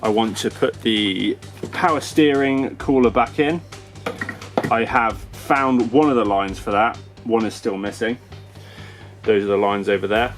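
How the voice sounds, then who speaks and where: A man's voice: lowish voice, measured pace. Matter-of-fact man in workshop. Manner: matter-of-fact, self-deprecating. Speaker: car build vlogger. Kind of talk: narrating a workshop build. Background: music in the background.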